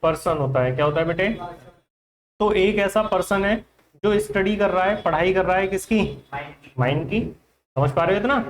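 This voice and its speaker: A man with an Indian accent teaches an English vocabulary class in Hindi, quizzing students with repeated questions. His high voice moves at normal speed, broken by long pauses.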